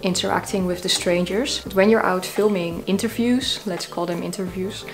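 A woman's voice: lowish voice, steady tone, moderate pace, faint music behind. A woman in her thirties sharing tips to camera from a small cozy room, with a dry, self-mocking humor. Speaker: YouTube creator. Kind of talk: talking-head tips video.

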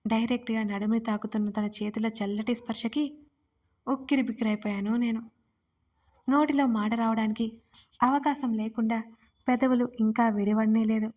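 A woman narrating her own first-person romance story in a steady, intimate reading. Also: a little high, normal speed, pauses often. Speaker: writer and narrator.

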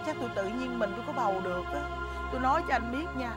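Brief: quick, high Southern Vietnamese woman, melodramatic wife, music behind. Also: expressive. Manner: complaining, dramatic. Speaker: wife in a skit. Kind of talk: comedy skit acting.

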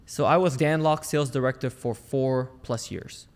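Recorded in a large hall, this Malaysian podcast guest, who works as a sales trainer and entrepreneur, recounts his story informally. His voice is medium-pitched and his pace moderate.

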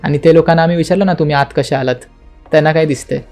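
A young man with a fairly high voice tells a spooky story as a podcast guest. He retells it dramatically, acting out the voices and the knocking sounds, and slips English words into his speech. Soft music plays faintly behind him. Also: steady tone, racing.

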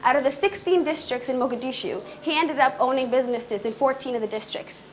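A young woman with a slightly high voice speaks earnestly and fast at a small indoor event. Her talk is fluent with occasional brief restarts, picked up from a few steps away. Faint room noise sits behind her. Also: low-quality recording. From Canada. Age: young adult. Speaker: conference speaker. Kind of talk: prepared public talk.

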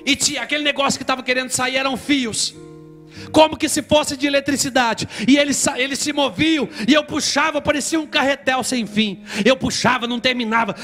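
Brazilian man, high bright voice, dramatic testimony to the congregation. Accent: Brazilian Portuguese. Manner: vivid storytelling, acts out the scenes. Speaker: preacher giving a testimony.

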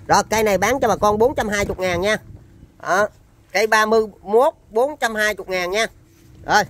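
High-pitched Southern Vietnamese man selling machinery. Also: a little hiss or hum. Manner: repetitive, chatty hands-on patter. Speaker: seller of used machinery. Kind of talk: informal live sales demonstration.

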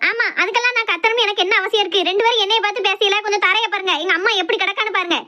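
A shrill young sister-in-law, played by a woman, accusing her family in Kanyakumari Tamil. Her voice is very high and bright, and she fires her lines off fast. She is a melodramatic character from a family comedy skit. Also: fairly even intonation.

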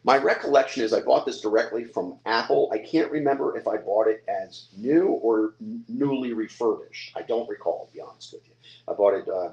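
A man's voice: mid-range voice, a little fast, a little mellow, muffled recording. Older man, auctioneer, salesman patter, bid calling, echoey room. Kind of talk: live-stream auction pitch. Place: hotel room or lounge, indoors.

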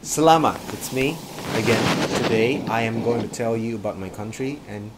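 A man's voice: mid-range voice, moderate pace, heavy background noise. A young man in his twenties from Indonesia, playfully switching between many put-on accents in a comedic video. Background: background music.

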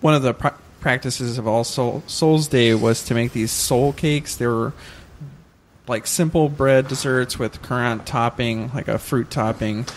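A man's voice: mid-range voice, fairly even intonation, a little slow, slight background noise. Hesitant man recounting research on a podcast. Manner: hesitant, self-correcting, many fillers. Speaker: podcast co-host.

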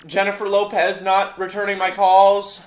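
A man's voice: high voice, completely flat delivery, moderate pace. A young man giving casual, joking commentary while playing a video game, teasing his co-host. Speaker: let's play co-host.

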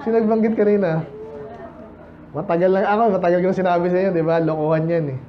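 A man's voice: high voice, fairly even intonation, fast, dull audio. A man pastor preaching a sermon in a conversational way, quizzing the congregation and mixing in English phrases. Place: church service.

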